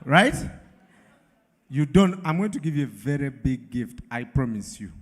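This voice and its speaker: A man's voice: mid-range voice, sing-song, moderate pace. A male event emcee with a Ugandan English accent, teasing the crowd in a playful, laughing way. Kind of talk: lively event hosting. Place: large event hall with live audience. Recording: long hall reverb over a PA.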